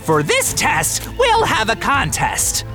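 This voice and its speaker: A bossy, gloating male goose from a children's cartoon, played by a woman. The voice sits high and leaps all over the place, dragging its words slowly with a gravelly rasp. Cheerful music plays behind him. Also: wildly swooping pitch, bright, forceful tone, exaggerated voice. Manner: blustering, bossy, cackling. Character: boastful, smug adult male goose club leader. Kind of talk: cartoon voice acting.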